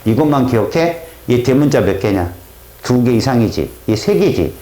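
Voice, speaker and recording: A man teaching a science class, lively and quizzing his students, imitating reaction sounds as he explains. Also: mid-range voice, normal speed. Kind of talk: classroom lecture. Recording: echoey classroom.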